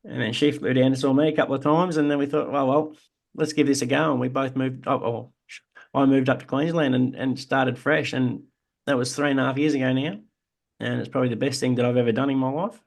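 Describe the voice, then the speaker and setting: Aussie bloke on a podcast, mid-pitched voice, sincere and reflective. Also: male voice, steady tone, a little fast, gravelly. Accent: Australian. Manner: earnest, reflective storytelling. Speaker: podcast co-host. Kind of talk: casual chat.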